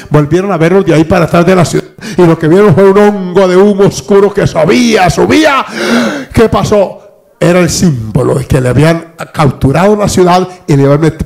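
Gravelly older preacher. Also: male voice, fairly high pitch. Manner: preaching with lively acted-out dialogue. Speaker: pastor. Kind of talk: sermon.

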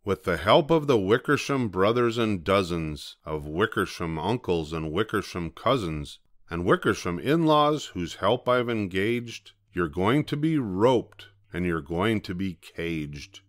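A man's voice: deep voice, expressive, measured pace, few pauses, no echo, clean studio sound. A man voicing a big, stern, bossy female kangaroo in a children's storybook, with a scornful, snappish manner. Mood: threatening. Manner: snappish, haughty.

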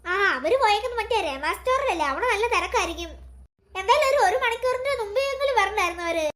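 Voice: very high-pitched, animated, fast, a bit bright. A voice actor playing a worried mother in a cartoon, asking after her late children. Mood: anxious. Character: mother at home, worried about daughters.

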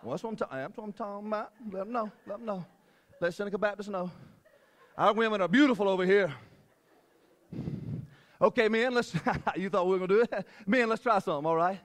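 A male preacher giving a sermon at a church service into a handheld mic. He is energetic, jokes with the congregation and repeats his phrases. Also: high-pitched, fairly quick, long pauses, in a large hall. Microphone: handheld microphone.

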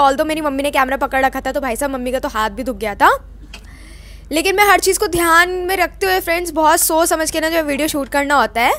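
A woman's voice: very high voice, fairly bright tone. A young woman vlogger narrating her video in a chatty, casual way, mixing in English words. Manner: chatty, mixes Hindi with English words, many fillers.

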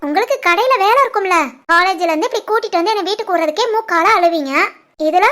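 Woman doing a young cartoon wife, very high pitch, Kanyakumari-Tirunelveli Tamil accent, teasing, sharp-tongued. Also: quick pace. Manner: teasing, needling.

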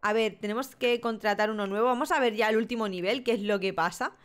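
Woman, Spain Spanish accent, young adult, live gameplay streamer, chatty, laughs a lot, fairly high voice. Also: fast talker, smooth. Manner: chatty, laughs often, reacts to the game.

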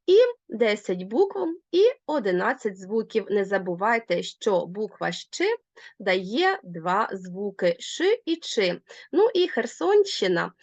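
A woman teacher giving a recorded online lesson, explaining clearly and deliberately, step by step. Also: mid-range voice, no echo, muffled recording.

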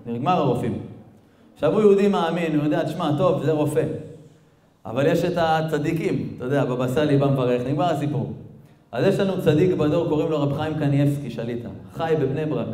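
A male rabbi preaching, telling a dramatic story and speaking directly to his listeners. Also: fairly high pitch. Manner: animated, addresses listeners directly. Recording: echoey room.

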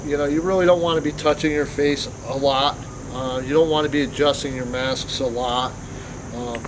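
A middle-aged man giving an unscripted workplace safety talk outdoors in a parking lot, plain-spoken, with frequent ums and restarts. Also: mid-range voice. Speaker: company safety presenter. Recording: clear outdoor background noise.

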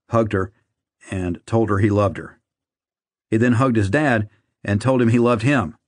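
A man narrating an audiobook in a measured, somber reading. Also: lowish voice, no echo, studio quality. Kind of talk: scripted narration.

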